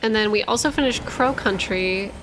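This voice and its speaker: A woman's voice: mid-range voice, normal speed, over music. A woman hosting a livestream, chatting casually with viewers in a rambling way, full of filler words and self-corrections, tired after hours of streaming. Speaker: streamer and lore channel host.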